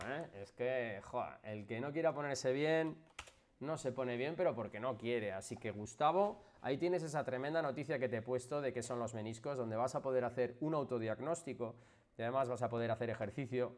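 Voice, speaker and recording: A man from Spain with a Spanish accent, a physiotherapist chatting casually with viewers on a live stream, energetic and emphatic, jumping from loud bursts to soft asides. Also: medium pitch, a little fast.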